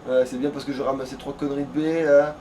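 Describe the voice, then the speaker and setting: A man with a mid-range, dark-toned voice talks fast and flatly while playing a video game, chatting casually with a friend and rambling and swearing along the way. It's a clearly noisy home recording.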